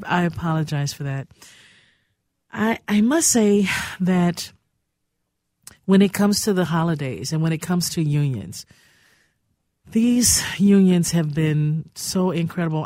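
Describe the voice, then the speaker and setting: A woman's voice: fairly low pitch, unhurried, long pauses, warm tone, dry recording, studio quality. An older woman hosting a radio talk show, telling a heartfelt, reminiscing story. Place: radio studio.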